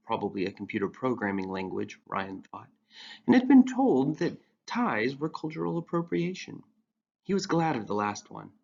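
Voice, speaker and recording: A man narrating a scripted story in a dry, wry manner. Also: medium pitch. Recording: dull lo-fi recording.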